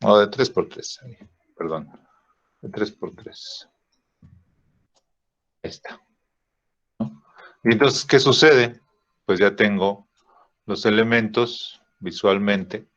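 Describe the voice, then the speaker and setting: A man teaching a drawing software lesson, thinking aloud with fillers and checking in with "¿sí?" after each step. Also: fairly low pitch. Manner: slow, checks in with frequent "¿sí?" and "¿no?"; thinks aloud with "este" fillers while clicking. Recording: dull lo-fi recording.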